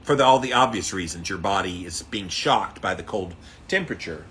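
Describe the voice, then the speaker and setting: A man's voice: sits low, animated, fairly quick, fairly bright tone. A man giving casual, folksy, encouraging talk to viewers as he vlogs in or fresh out of ice-cold water. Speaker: vlogger doing a daily ice bath challenge. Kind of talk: casual motivational talk to camera. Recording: clear background noise, outdoor machinery sounds.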